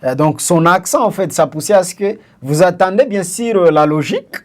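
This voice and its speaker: Man from Congo, co-host, halting and explanatory, plenty of fillers. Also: high voice, expressive. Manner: hesitant, many fillers and restarts; explains with examples, asks questions. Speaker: podcast co-host. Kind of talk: casual discussion.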